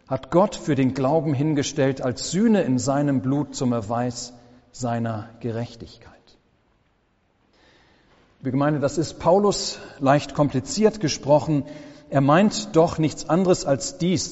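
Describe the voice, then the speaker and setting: A man preaching a sermon as pastor, slow and solemn with dramatic pauses, in a church. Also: a little high, darkish tone. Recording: long church reverb, dull lo-fi sound.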